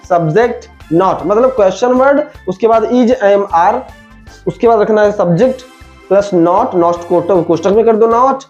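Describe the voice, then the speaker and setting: A man's voice: sits high, darkish tone. A man teaching an online English grammar lesson, repeating each rule and calling the listener his friend. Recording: dull lo-fi sound with faint music.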